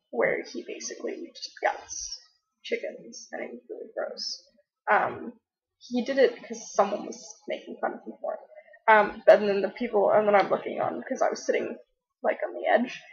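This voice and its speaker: Chatty young woman, husky and lo-fi. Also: on the high side, darkish tone. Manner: chatty, rambling with many fillers and restarts. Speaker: vlogger. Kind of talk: casual chat to camera. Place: at home, laptop on her knees. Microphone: laptop webcam mic. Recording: dull lo-fi webcam audio.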